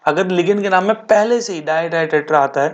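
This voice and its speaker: A male chemistry teacher talks through a board exam revision lecture. He keeps posing quick questions to his students and answering them himself. He drags out key terms slowly for emphasis. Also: on the high side, lo-fi sound. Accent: Hindi-speaking Indian. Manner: addresses students as beta and bhaiya.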